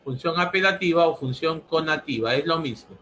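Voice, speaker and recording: A man's voice: on the high side, animated, fairly quick, bright, forceful tone, a little hiss or hum, rough recording. A man teaching a language lesson, repeating each answer several times. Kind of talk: pre-university language lesson.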